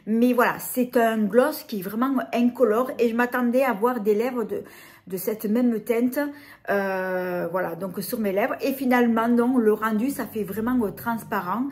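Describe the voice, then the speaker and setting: A woman's voice: a little high, measured pace, a little mellow. A woman with a French accent casually reviewing lip glosses, hesitating often with fillers and restarts. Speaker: beauty vlogger.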